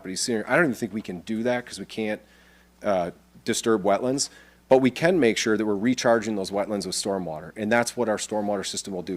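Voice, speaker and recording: A man presenting a development plan at a town board meeting, explaining plainly and casually, with frequent restarts. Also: fairly low pitch.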